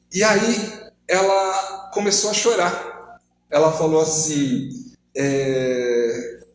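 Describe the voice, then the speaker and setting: A man preaching a testimony, telling a story dramatically and acting out the other people's voices. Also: high-pitched. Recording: echoey hall with faint noise.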